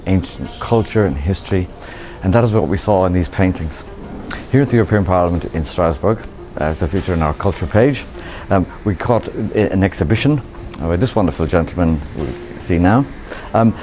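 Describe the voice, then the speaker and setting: A man's voice: sits low, mellow. A middle-aged male reporter presenting to camera in a large indoor atrium, fluent with a few fillers.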